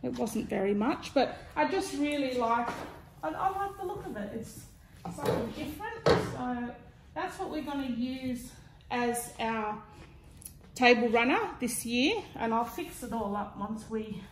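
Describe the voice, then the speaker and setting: A woman with a high voice and an Australian accent chats casually through a hands-on craft demonstration. She has a slight lisp, as if speaking with a retainer in. There is noticeable background noise in the recording. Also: lively intonation, a little slow, rough recording. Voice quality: slight lisp from wearing clear retainer-style aligners. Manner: informal, chatty demonstrating while handling items. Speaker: DIY craft vlogger.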